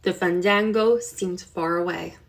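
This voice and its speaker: A woman reading a children's chapter book aloud with expressive, unhurried storytelling. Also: fairly low pitch, gravelly. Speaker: reader.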